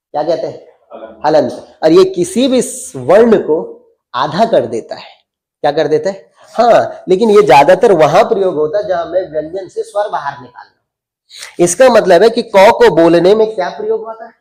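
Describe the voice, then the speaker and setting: A man's voice: high-pitched, a little mellow, reverberant. A male grammar teacher lecturing a class, sounding out letters and often asking students if they follow. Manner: asks students frequent check questions.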